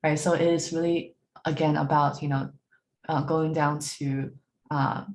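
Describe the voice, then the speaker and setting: A woman's voice: deep voice, steady tone, a little slow, darkish tone. A woman presenting at a business bootcamp, often checking in with "right?" and restarting her sentences. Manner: frequent fillers and restarts, repeats words while searching; ends points with a questioning "right?". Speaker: workshop speaker. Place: online talk.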